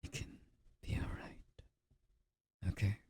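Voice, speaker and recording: A man doing a whispered role-play as a comforting boyfriend, speaking in a soft, breathy, intimate murmur with a husky, gravelly edge, close to the microphone. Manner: slow, gently reassuring boyfriend-style comforting.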